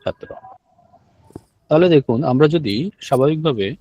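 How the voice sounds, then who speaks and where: A male online language teacher speaks at normal speed in a slightly high, expressive, mellow voice, with a little hiss or hum in the audio. His method is step-by-step explanation, questions for the students, and repetition of key words.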